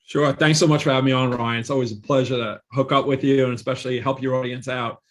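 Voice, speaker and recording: A real estate investor in his forties, appearing as a podcast guest, tells his career story in a confident, salesy manner with emphatic repetition. He talks fast, and his mid-range voice is steady and fairly bright.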